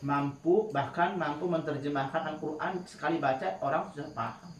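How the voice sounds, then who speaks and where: A man with a slightly high voice leads a relaxed tajwid lesson, chatting with students and slipping into sung Quran chanting to show each rule. He sits well back from the microphone in a reverberant room. Faint crickets and insects chirp behind him. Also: normal speed, slight background noise. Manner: breaks into melodic Quran chanting to demonstrate; chatty, laughs while telling anecdotes. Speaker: Quran recitation teacher. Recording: roomy echo, distant mic, faint crickets.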